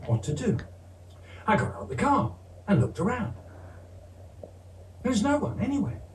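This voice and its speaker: A man telling a story in a theatrical way, acting out every character. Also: high-pitched. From England. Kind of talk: animated storytelling. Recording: roomy, distant, faint hiss.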